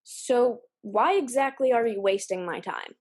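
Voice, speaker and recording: A woman's voice: fairly high pitch, unhurried, darkish tone. A woman playing a blunt, sarcastic army recruiter. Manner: blunt, sarcastic, offhand swearing. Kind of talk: indie audio drama acting.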